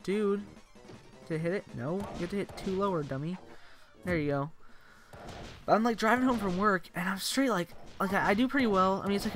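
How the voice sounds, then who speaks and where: A man's voice: sits high, sharp tone. A tired young man rambling in casual commentary while playing a video game, filling his talk with "like". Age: young adult. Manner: rambling, tired, says "like" constantly. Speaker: let's play commentator. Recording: game music playing behind.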